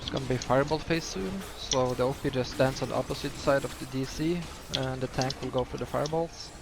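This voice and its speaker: A man with a lisp and a nasal voice, giving a casual, halting game walkthrough. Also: medium pitch, steady tone. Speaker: gamer giving a healer guide. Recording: clear background noise, keyboard typing.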